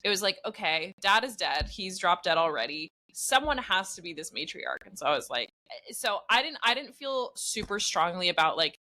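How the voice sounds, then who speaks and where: Low-voiced woman, rambling guest. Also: big pitch swings, moderate pace, bright, forceful tone. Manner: rambling, self-deprecating, heavy use of "like". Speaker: podcast actor being interviewed. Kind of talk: casual interview chat.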